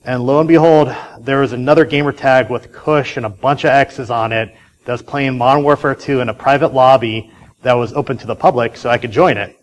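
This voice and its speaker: A man's voice: medium pitch, steady tone, fairly quick, rough recording. A man giving a casual conference talk, telling a story in a chatty way with many fillers and restarts. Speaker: conference speaker.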